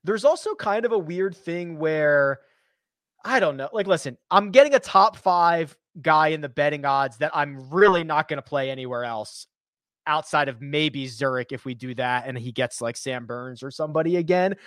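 A sports betting podcast host wraps up his show, chatting casually and energetically with upbeat sign-offs. His voice sits fairly high, his pace is moderate, and there's no echo.

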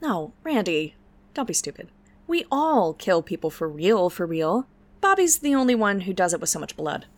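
A woman's voice: mid-range voice, sing-song, normal speed. A woman in comedic dialogue, playful and breezy.

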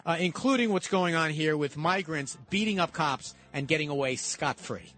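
A man's voice: a little high, expressive, moderate pace, music in the background. A man co-hosting a political talk show, arguing emphatically and repeating words as he builds each point.

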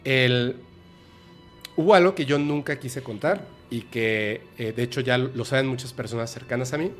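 A man hosts a podcast and tells a personal story in a halting, emotional way, stopping and restarting often. His voice sits at an ordinary middle pitch. Faint music plays underneath. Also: fairly bright tone. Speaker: podcast host. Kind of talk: personal storytelling in a casual chat.

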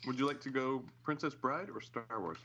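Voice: medium pitch, lively intonation, brisk, dull audio, very noisy. A quizmaster in a casual trivia chat, playful and joking. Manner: playful, joking, self-aware.

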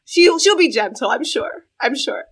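A woman's voice: sits high, animated, moderate pace. A woman co-hosting a podcast who talks in a gushing, enthusiastic way. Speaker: podcast co-host. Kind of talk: casual podcast chat.

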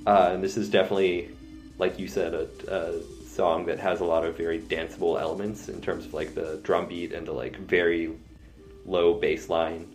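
Male podcast co-host, very low voice, rambling talker, faint music underneath. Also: level tone, normal speed. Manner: rambling, many fillers and laughs. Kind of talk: casual music discussion.

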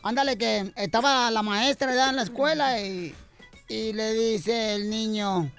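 A woman's voice: fairly high pitch, unhurried, clear, resonant tone, faint music behind. A woman hosting a comedy radio show, teasing the crew and telling jokes.

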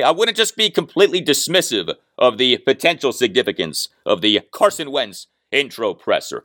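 A man's voice: medium pitch, sharp tone, dry recording, studio quality. A man hosting a solo sports podcast, giving emphatic analysis and repeating his key points. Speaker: podcast host.

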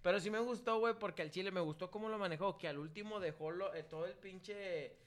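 A man with a Mexican accent telling a story in casual chat as a podcast co-host, slangy and animated, singing bits of songs. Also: high-pitched, fast talker. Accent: Mexican Spanish.

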